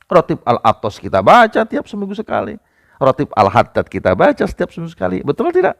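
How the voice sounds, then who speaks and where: A man preaching a sermon to a gathering, speaking to the audience directly and rising into emphatic high outbursts. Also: wildly swooping pitch, fast talker, vocal fry.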